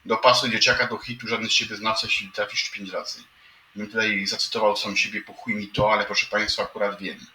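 Rambling low-voiced man in an echoey room. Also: flat delivery, brisk, pushed and bright. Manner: meandering, repeats "proszę państwa", wry asides. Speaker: livestream host reading news headlines. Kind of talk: rambling live commentary on headlines. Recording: echoey room, mic at a distance, audible noise.

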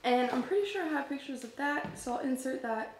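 A woman's voice: sits high, expressive, a little fast. Chatty young woman in echoey bare rooms. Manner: upbeat and chatty. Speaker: vlogger. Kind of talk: casual home-renovation vlog. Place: empty rooms in a house under renovation. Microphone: handheld camera.

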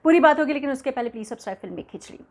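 A woman in her forties hosts entertainment news commentary to camera from a room at home. Her voice is high, animated and very fast, yet she speaks earnestly and measuredly, hesitating often.

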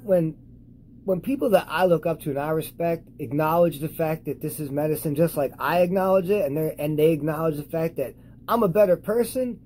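A high young man rambling profanely and losing his train of thought in a casual vlog. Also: darkish tone, a little hiss or hum, poor audio. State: high on cannabis. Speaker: cannabis vlogger. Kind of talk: casual stoned rambling to camera.

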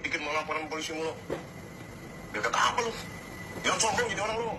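A man's voice: a little high, quick pace, gravelly, noisy background. A man taunting and mocking a celebrity in his own commentary video, heard as a clip playing back. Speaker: online commentator.

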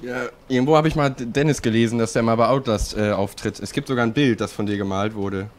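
Male co-host, relaxed gamer type, mid-range voice, loose fumbling banter. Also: mid-range voice, quick pace. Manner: laid-back, fumbling, laughing banter. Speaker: co-host and let's player. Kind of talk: casual live show chat. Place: live show at a venue.

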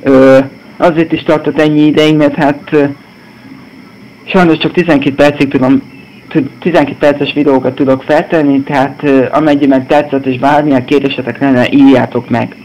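A slightly hoarse young man commentating a horror game, cursing and yelping at scares. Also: on the high side, flat delivery, darkish tone, a little hiss or hum, low-quality recording. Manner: swearing, jumpy outbursts. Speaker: gameplay video host.

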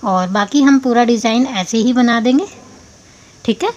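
A woman's voice: on the high side, moderate pace. A woman hosting a crochet tutorial, explaining each step patiently and counting stitches aloud.

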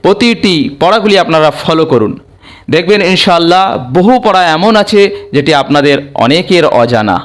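A man teaching a Quran reading lesson online, who drills letters slowly and says Arabic prayers. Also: on the high side, expressive.

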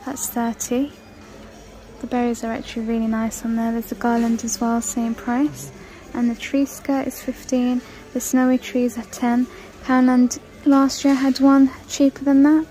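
Holding her phone camera, a woman walks casually through a large indoor store, chatting and calling out prices for her shop-with-me vlog. She speaks at normal speed in a warm, somewhat high voice with a level tone, and the audio quality is poor.

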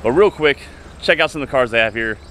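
Outdoors by roadside car lots and shops, a thirty-something car vlogger speaks fast to his viewers in a medium-pitched, fairly bright voice with lively intonation. His commentary is casual and enthusiastic, recorded on a handheld camera mic that picks up street noise.

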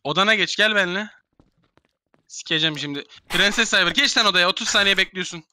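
Bright-voiced young man bossing players around. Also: high-pitched, fairly quick, no echo. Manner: bossy, herding players, swearing. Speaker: gamer streamer. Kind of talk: casual game voice chat.

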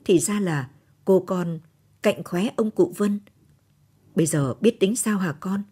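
A proud, fretful old village grandfather, as a woman narrator puts him on in a storybook reading, speaking. His voice is dark and husky, and he scolds and fusses over his family. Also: mid-range voice, slow pace. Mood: worried. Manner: scolding, fussy old man.

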